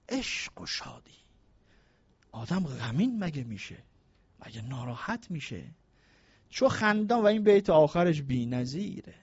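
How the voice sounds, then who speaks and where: A man giving an informal lecture on Persian poetry, mixing anecdotes with slowly recited verses. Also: on the high side, no room sound, highs cut off. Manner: animated storyteller, slows down to recite verses.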